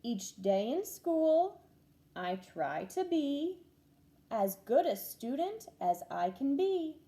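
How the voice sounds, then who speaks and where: A woman's voice: high-pitched, sing-song, slow pace, dark tone, voice pushed up, exaggerated voice. A woman voicing a sincere, thoughtful first-grade boy in a storybook, earnest and simple. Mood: careful reciting.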